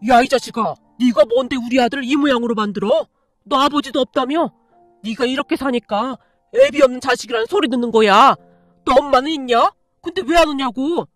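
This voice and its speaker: A bullying middle-aged father hurls loud insults in a high, sharp voice, as a woman reads him out. He jabs every sentence with scorn, and soft music plays faintly beneath the storybook telling. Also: a little fast, no echo. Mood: angry yelling. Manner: shouting insults, jabbing accusations.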